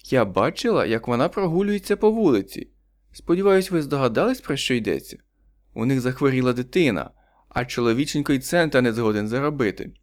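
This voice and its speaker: A man's voice: mid-range voice, lively intonation, brisk, lightly acted. A man reading an audiobook, voicing a spiteful, gossiping woman neighbor with a sly, sneering manner.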